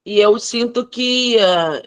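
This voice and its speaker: A woman's voice: on the high side, smooth, dry recording. A woman teacher from Rio de Janeiro, speaking thoughtfully on a video call and often adding "né?". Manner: thoughtful, measured, frequent "né?" tags. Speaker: teacher in a training course. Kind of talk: reflective discussion on a video call.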